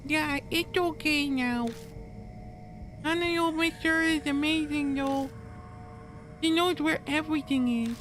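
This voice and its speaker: Man doing a woman's voice as a very high little girl. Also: steady tone, slow, long pauses, fairly bright tone, slight background noise, full character voice. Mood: polite, matter-of-fact. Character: small polite little girl out late at night. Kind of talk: amateur voice-over of a visual novel game.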